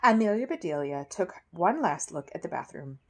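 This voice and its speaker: A woman reading children's books aloud in an expressive way and chatting to listeners about the pages and pictures. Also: lowish voice, moderate pace. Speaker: reader of children's books for an online series. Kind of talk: animated read-aloud storytelling with comments to viewers.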